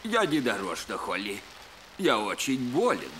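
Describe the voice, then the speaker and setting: A man's voice: mid-range voice, huge pitch swings, a little slow, a bit bright, slight background noise, heavily acted, rough recording. A man voicing a grumpy, self-pitying cartoon fairy king with a cold, plaintive and stuffy-nosed. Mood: grumbling, self-pitying. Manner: grumbling, plaintive. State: stuffy nose. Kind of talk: animated cartoon dub.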